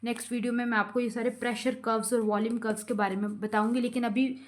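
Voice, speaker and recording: Woman, young adult, medical lecture, slightly high pitch, explanatory. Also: level tone, slight background noise. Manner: explanatory, frequent "theek hai" check-ins, slows for English terms. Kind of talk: explaining lecture, Hindi-English code-switching.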